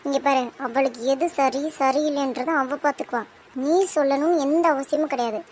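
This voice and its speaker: A woman's voice: high-pitched, fairly even intonation, normal speed, a little mellow, slight background noise, natural voice. A woman voicing a young bride-to-be in a cartoon soap drama, talking back firmly and cuttingly to defend her younger sister. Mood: defiant. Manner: firm, defiant, cutting.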